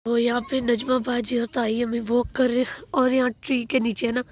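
A woman from Pakistan chatting excitedly and laughing as she narrates a family vlog, filmed outdoors in a park on a handheld phone. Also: a little high, moderate pace, a little hiss or hum. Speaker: family vlogger.

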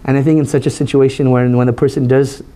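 Imam, hoarse voice, even and dark, chatty religious lecture with q&a. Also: male voice, mid-range voice, quick pace. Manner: relaxed, conversational, frequent "you know". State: hoarse, voice recovering. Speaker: imam teaching a study circle.

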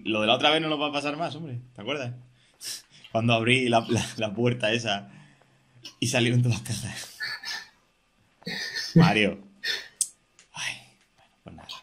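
A young man, hosting casual co-op gameplay chat, excitable and jokey, talking through every move. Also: mid-range voice, moderate pace, pauses often. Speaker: gaming podcast host.

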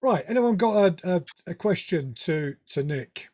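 A man's voice: high voice, lively intonation, a little slow, warm tone. A man with a Northern English accent hosting a radio club meeting, talking casually with many restarts and fillers. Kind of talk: casual club talk over video call.

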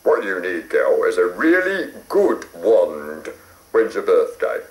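A man's voice: low voice, huge pitch swings, slow, exaggerated voice. A man voicing a blunt, cheeky male caterpillar, on an old cassette. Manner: blunt, cheeky, calls her "girl". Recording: roomy old cassette recording.

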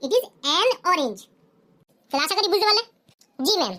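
A woman teaching a cartoon grammar lesson, asking questions and answering them herself, and saying her English examples slowly. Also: extremely high pitch, very animated, pushed and bright.

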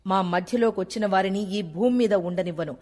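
This is a woman reading the part of a jealous, drunk young man. She voices him at her usual middle pitch. A long reverb tail follows each phrase. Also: a little fast, a little mellow, natural voice. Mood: bitter.

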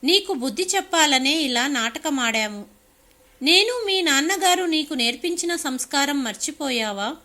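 A woman's voice: high-pitched, expressive, normal speed, sharp tone. A woman voicing a stern elderly mother who lectures her grown daughter in a story reading. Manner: stern, reproachful.

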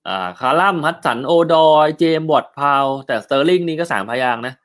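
A man's voice: medium pitch, a little fast, a bit bright. A man hosting a casual football news chat, talking loosely with frequent filler sounds and answering viewer comments. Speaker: football news show host.

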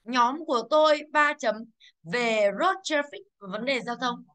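A woman's voice: high voice, measured pace, fairly bright tone. A woman teaching English to a class, quizzing pupils and drilling pronunciation. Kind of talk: classroom lesson.

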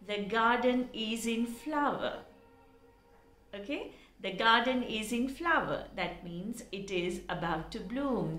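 A woman gives a pronunciation lesson, speaking slowly and deliberately. Her voice carries a noticeable room echo. She is earnest and explanatory, and she spells words out letter by letter. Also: mid-range voice. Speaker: English teacher.

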